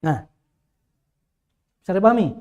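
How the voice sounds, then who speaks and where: A man's voice: high voice, expressive, a little slow, a little mellow, muffled recording. A male teacher leads an Arabic grammar lesson. He quizzes his students constantly with short questions and repeats the key words until they stick.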